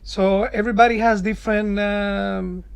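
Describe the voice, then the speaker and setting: A man answering interview questions as a cruise director, explaining things emphatically in deliberate phrases. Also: sits high, flat delivery, vocal fry, clean tone.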